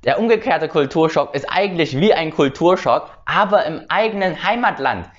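A young German man hosting his own channel tells a personal story in a casual, hesitant way, full of filler sounds and restarts. His voice is fairly high and expressive at a normal speed. The recording has a slightly dull lo-fi sound.

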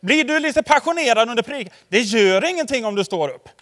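Male preacher, high-pitched, talks to the congregation like a friend, church-hall echo. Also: animated, fairly bright tone. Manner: chatty, with constant tag questions to the congregation; anecdotal storytelling, addressing the audience directly. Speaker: pastor. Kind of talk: conversational sermon.

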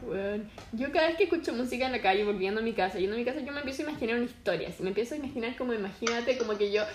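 A woman's voice: fairly high pitch, very fast, reverberant, background noise. A young woman with a Chilean accent telling funny stories in a casual chat, acting out voices as she goes. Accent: Chilean Spanish. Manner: animated, acts out voices while telling stories.

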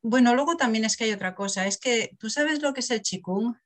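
A middle-aged woman from Barcelona, Spain, speaks a little high and fairly quickly. She's an author telling stories in a casual interview, acting out quotes with animation and laughing often.

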